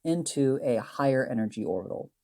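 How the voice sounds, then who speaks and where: With a mid-range, dark-toned voice, this chemistry instructor speaks fairly quickly and expressively. He walks through slides in a loose, rambling recorded lecture, checking in with tag questions, fixing sentences midway, and downplaying the math.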